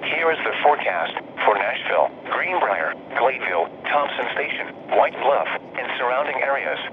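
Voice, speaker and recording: A man's voice: medium pitch, sing-song, moderate pace. A synthetic text-to-speech man's voice reading a scripted weather broadcast as a radio announcer, impersonal and formulaic, in clipped segments. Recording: tinny narrow-band radio, clear noise.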